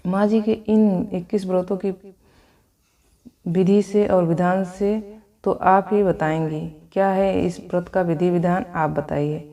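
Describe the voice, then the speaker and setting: A devout young wife in sorrow, as a woman narrator puts her on, pleading in prayer. The voice is lowish and mellow. She fits a devotional storybook reading. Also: fairly even intonation, takes it slowly, distant mic. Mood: sorrowful.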